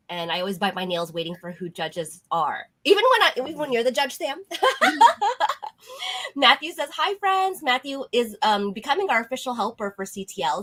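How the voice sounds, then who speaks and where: A woman's voice: medium pitch, fairly bright tone. A young woman co-hosting a live cosplay talk show, chatty and laughing often as she reads viewer comments. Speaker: podcast co-host reading live comments. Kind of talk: casual live-stream chat.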